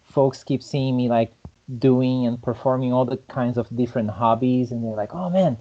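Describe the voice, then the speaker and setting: A man's voice: mid-range voice, level tone, normal speed, muffled recording. A man chatting casually in an online meetup, explaining his ideas in long, rambling turns. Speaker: meetup participant. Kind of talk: casual chat.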